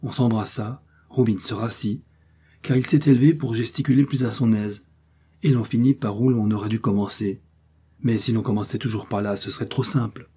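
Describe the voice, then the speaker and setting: A man reading a classic novel aloud as an audiobook, in a measured, literary narration. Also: on the low side, fairly even intonation, warm tone, breathy edge. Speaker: audiobook reader. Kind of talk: scripted narration.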